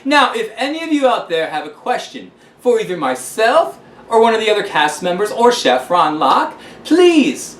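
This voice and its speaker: A man's voice: sits high, fairly bright tone, recorded from a distance, slight background noise, voice pushed up, exaggerated voice. A man voicing a flamboyant, gushing London society lady with a put-on London English accent, recorded in an echoey room away from the mic. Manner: theatrical, gushing, calls listeners darlings.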